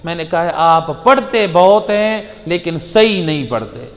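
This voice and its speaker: A man preaching a majlis sermon, swinging from loud exhortation to soft chanted recitation. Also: fairly high pitch, lively intonation. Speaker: Shia preacher. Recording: long hall reverb.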